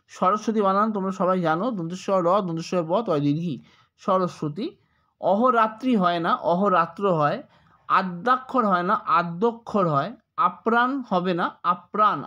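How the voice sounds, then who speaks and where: High-voiced tutor spelling words aloud. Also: male voice, bright, forceful tone. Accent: Bengali. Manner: slow, repetitive, spells words letter by letter. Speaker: exam tutor. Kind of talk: spelling lesson, dictating corrections.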